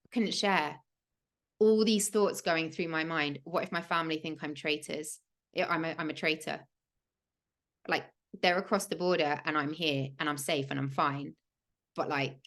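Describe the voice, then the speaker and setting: Her voice is deep with a fairly bright tone: an English host of a spiritual podcast, sharing a personal story during a livestream. She speaks earnestly and emphatically, peppering her speech with "like."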